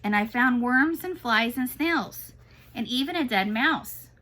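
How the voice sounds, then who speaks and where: A woman's voice: on the high side, expressive, a little slow, bright, forceful tone, pitched above the performer's own voice. A woman voicing a shy, curious little female possum in a read-aloud storybook, sounding timid and hesitant. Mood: earnest.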